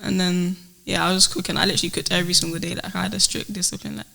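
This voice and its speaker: A woman in her twenties, a podcast guest telling her story in a relaxed, casual way with slang and fillers. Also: fairly low pitch, rapid-fire, gravelly. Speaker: podcast guest, food business owner.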